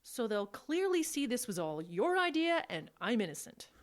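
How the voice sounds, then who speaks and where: An actress playing a sharp-witted, exasperated radio station employee with a wry, dramatic manner in a comedic audio drama. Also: female voice, fairly high pitch, very animated, normal speed. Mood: dryly scheming.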